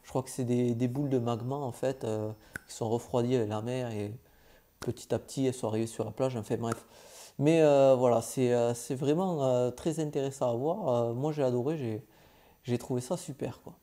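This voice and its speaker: Very dark-voiced chatty male vlogger. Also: medium pitch, steady tone, normal speed. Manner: hesitant, many filler "euh"s, chatty and informal. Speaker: travel vlogger. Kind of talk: casual travel recap vlog.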